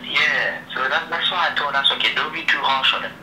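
Brisk and fairly high-pitched, this young man's voice comes through a phone speaker held up in a room. The speakerphone audio is noisy and full of echo. His casual, slangy chat is repetitive, with "yeah" and "innit" tacked onto his sentences.

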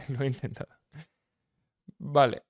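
A young man from Menorca, chatting casually on a live stream as he reacts to a song, relaxed and self-deprecating, chuckling often. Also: medium pitch, measured pace, breathy edge. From Menorca, Spain.

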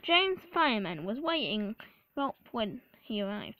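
A woman reading a children's storybook aloud, halting with fillers and slips. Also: a little high, big pitch swings, noisy background. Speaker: storybook reader. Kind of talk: reading a picture book aloud.

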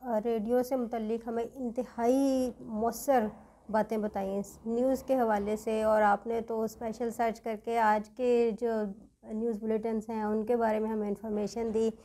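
A woman's voice: a little high, flat delivery, moderate pace, mellow. A young woman, a media manager, politely thanking guests to close a panel in a small studio on a desk mic. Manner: polite, grateful. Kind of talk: formal closing remarks. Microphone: desk boom mic.

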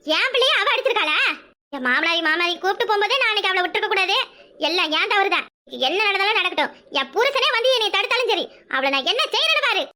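A woman's voice: very high-pitched, expressive, fast, sharp tone, heavily acted. A woman voicing a frantic village mother searching for her missing son, wailing, with a Kanyakumari Tamil accent. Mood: angry. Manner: wailing, fretful.

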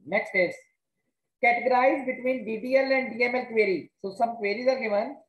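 A North Indian-accented woman with a fairly high voice teaches a computer science class online, walking through it step by step over screen share. She speaks haltingly, repeating words and putting questions to students, and the indoor room sounds echoey.

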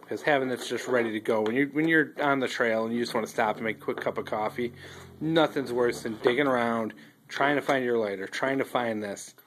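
A man casually reviewing outdoor fire starters, talking in a relaxed, rambling way with many ums and restarts, recorded on a phone he holds while filming a tabletop indoors. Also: medium pitch, fairly quick, slight background noise. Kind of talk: casual show-and-tell review. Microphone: handheld phone filming table close up.

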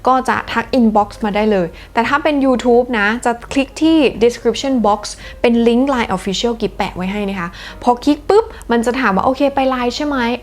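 A woman hosting a casual English lesson, switching between Thai and slow, careful English as she explains spelling rules. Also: medium pitch. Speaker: English teacher.

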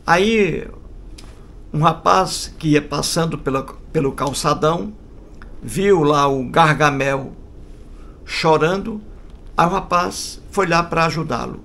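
A man's voice: a little high, takes it slowly, creaky, pauses often, a bit bright. A man casually telling a long joke, rambling and repeating himself with folksy asides. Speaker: joke storyteller.

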